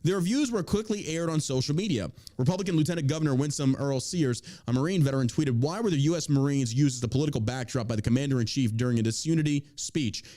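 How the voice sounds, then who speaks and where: A mid-pitched American man delivers casual political commentary. He is opinionated and emphatic, moves between reading items aloud and giving his own reaction, and swears freely. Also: fast talker, hardly any pauses, mellow. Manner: opinionated, emphatic, heavily profane.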